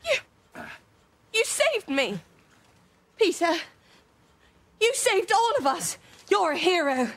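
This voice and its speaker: An actress playing an earnest damsel girl in a stage pirate pantomime, exclaiming in drawn-out melodrama. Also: very high-pitched, sing-song, a bit bright, heavily acted. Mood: adoring gratitude.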